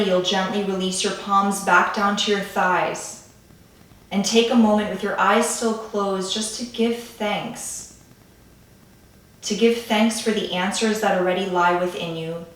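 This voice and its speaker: A woman leading a calm grounding meditation in a gentle, soothing way, with pauses between phrases. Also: mid-range voice. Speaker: meditation guide. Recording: echoey room, distant from the mic.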